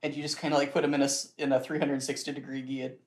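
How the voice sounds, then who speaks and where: A young man running a tabletop game as game master, describing scenes in a relaxed way and laughing often. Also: mid-range voice, very fast, roomy sound.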